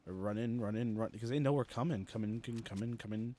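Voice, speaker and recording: A man's voice: fairly low pitch, quick pace, mellow, a little hiss or hum. A man streaming a shooter game with friends, chatting casually, laughing often and making playful sound effects. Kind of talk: casual gaming chat.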